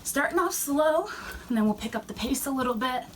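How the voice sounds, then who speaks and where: A young woman fitness instructor cueing warm-up moves while she exercises, a little out of breath. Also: sits high, expressive, brisk. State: slightly out of breath. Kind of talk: workout instruction. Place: fitness center. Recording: distant mic with faint room noise.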